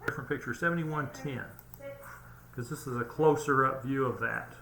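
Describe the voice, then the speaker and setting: A man hosting his own channel, presenting a tongue-in-cheek conspiracy case in a halting, mock-earnest way with lots of fillers. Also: mid-range voice, pushed and bright, echoey room. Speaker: channel host.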